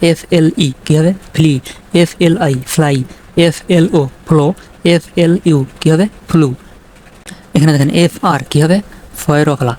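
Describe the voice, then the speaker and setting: Slow-drilling male reading teacher. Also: on the high side, a little mellow, slight background noise. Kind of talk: recorded lesson.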